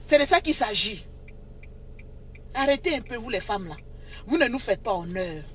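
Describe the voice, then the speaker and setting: A woman rants at her audience during a live stream on her phone, in a high, bright, cutting voice. She scolds and mocks her viewers and hammers the same phrases again and again. A faint hiss of noise sits under her talk. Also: expressive, moderate pace. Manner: scolding, mocking and repetitive. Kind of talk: unscripted live-stream rant.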